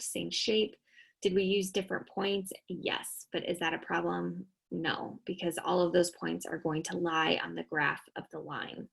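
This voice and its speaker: Gravelly tired woman teaching math. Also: medium pitch, rough recording. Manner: talks students through each step, asking and answering her own questions. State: tired, yawning. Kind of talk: recorded classroom lesson.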